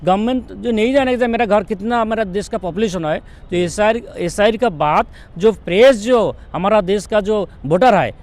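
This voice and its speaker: Male interviewee, high voice, halting and repetitive, plain everyday speech. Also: darkish tone. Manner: plain, halting, repeats himself. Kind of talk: street interview.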